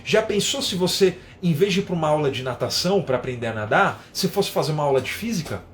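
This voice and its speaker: A man teaching in a live online lesson, explaining with everyday examples and often adding a quick tag question. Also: fairly high pitch, animated, a little hiss or hum. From São Paulo, Brazil. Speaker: English teacher.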